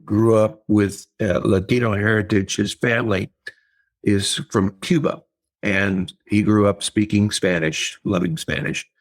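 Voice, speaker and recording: An older man with a low voice, an author and writing instructor, takes part in a casual interview conversation. His delivery is reflective and stop-start, packed with fillers and repeats.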